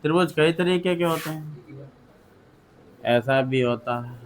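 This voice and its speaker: A man with a Hindi accent teaching maths to a classroom at an unhurried, deliberate pace. He repeats questions to drill the students and calls on pupils one by one to read aloud. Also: on the high side, a little hiss or hum. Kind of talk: classroom lecture.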